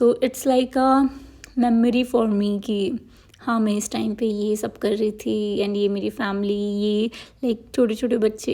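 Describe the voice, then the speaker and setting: A young woman talks through her day for her vlog in a loose, chatty way. She rambles and keeps circling back with filler words. Her voice sits a little high. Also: dark tone. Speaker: vlogger. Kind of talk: casual vlog narration.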